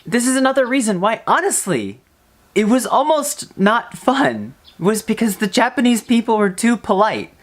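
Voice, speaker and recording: A vlogger chatting casually to camera in an animated, exasperated way, often throwing out rhetorical questions. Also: medium pitch, normal speed.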